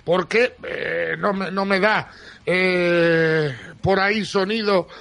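A man with an accent from Spain presenting a sports radio show in a lively, informal, colloquial way, often repeating himself. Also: high voice, slow, vocal fry. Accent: Spanish, from Spain.

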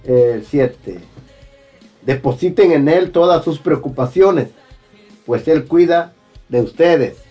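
A man reads scripture slowly and solemnly, weighing each phrase with a rather high voice. The sound is dull and lo-fi. Faint music plays behind him. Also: lively intonation, mellow. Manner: slow, solemn, deliberate reading. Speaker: scripture reader. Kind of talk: formal Bible reading.

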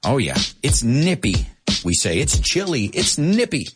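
A man hosting a lively radio show that teaches English, reading out listener messages and explaining phrases. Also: medium pitch, measured pace, over music. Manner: energetic, reads listener chat messages aloud and explains phrases.

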